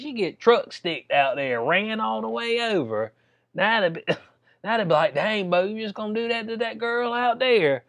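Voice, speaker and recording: A man's voice: high-pitched, fairly bright tone, dry recording. Southern man on an incredulous, slangy rant. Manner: incredulous, slangy, chuckling drawn-out asides. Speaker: commentator. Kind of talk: casual comedic sports rant.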